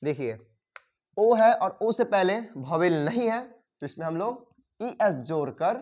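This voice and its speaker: ऊँची आवाज़ वाले हिंदी शिक्षक. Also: male voice, high-pitched, lively intonation, a little mellow, lo-fi sound. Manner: repeats "ठीक है" often, dictates rules slowly. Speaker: English grammar teacher. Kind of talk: classroom-style grammar lesson.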